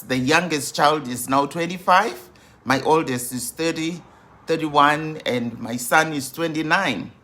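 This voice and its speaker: A woman in her fifties, a grief coach hosting a live stream, welcoming viewers over and over in an unhurried way with many fillers. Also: low voice, a bit bright. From Zimbabwe.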